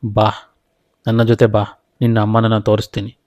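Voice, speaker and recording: A man voicing a stern, protective village father who speaks firmly and in a hush. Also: on the low side, completely flat delivery, normal speed, close to an everyday voice. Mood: grave. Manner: firm, hushed, commanding.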